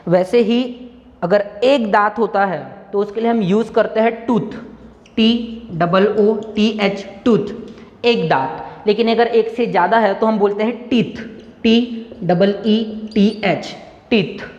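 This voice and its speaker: A man's voice: high voice, slow pace, darkish tone. A man from India teaching English grammar in Hindi, spelling words out letter by letter and repeating key points for his students. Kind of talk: Hindi-medium grammar lesson. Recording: echoey room, dull lo-fi sound.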